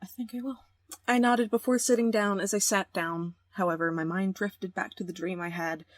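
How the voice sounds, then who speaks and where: A woman's voice: medium pitch, fairly even intonation, moderate pace, no room sound. A young woman playing a romance game, reading the story aloud and joking in slang. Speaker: let's play host. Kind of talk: game let's play, narration with commentary.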